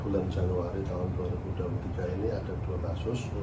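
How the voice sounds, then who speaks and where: A man, a police unit chief, answers questions at a press interview in measured official speech with some hesitations. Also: low voice, level tone. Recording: roomy, distant mic, loud background noise.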